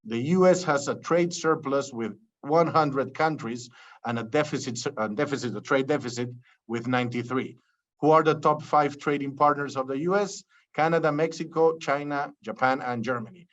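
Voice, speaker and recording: A man's voice: medium pitch, normal speed, a bit bright, dull audio. A man hosting an interview podcast, introducing the format and questioning his guest, listing topics and restarting phrases. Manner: enumerating, with frequent restarts. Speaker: podcast host. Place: Peru.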